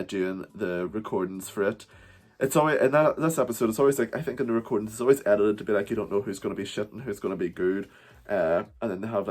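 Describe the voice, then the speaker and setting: A man's voice: fairly low pitch, darkish tone. A man in drag doing a casual, rambling vlog review at home, swearing freely and often saying "wee". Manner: uses the word wee. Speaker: drag performer reviewing a TV show.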